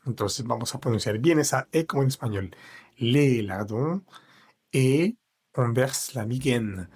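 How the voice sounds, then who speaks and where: Slow husky man teaching pronunciation. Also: mid-range voice, animated, a little mellow. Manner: slow, careful, breaks words into syllables. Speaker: French teacher. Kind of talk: pronunciation lesson.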